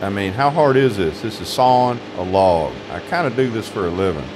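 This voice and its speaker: A man's voice: on the low side, expressive, fairly quick, background noise. Wry grumbling Southern man. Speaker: sawmill owner. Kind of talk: voice-over narration of work video.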